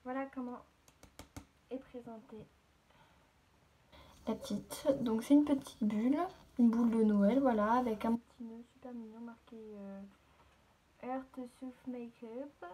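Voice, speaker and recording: A woman's voice: fairly high pitch, fairly even intonation, unhurried, pauses often, warm tone, slightly rough, poor audio. A woman chatting casually to her viewers as she unboxes and shows off a beauty haul, with plenty of fillers. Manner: chatty, filler-heavy, addresses viewers directly.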